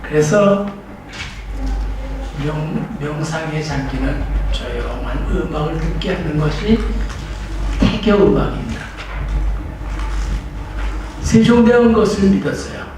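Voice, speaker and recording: A man's voice: a little high, animated, unhurried, pauses often, far from the mic. Older man lecturing in an echoey room. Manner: conversational, with restarts and rhetorical questions. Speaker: professor giving a keynote lecture. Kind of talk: public lecture. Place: library training room. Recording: echoey room, voice from afar, noisy.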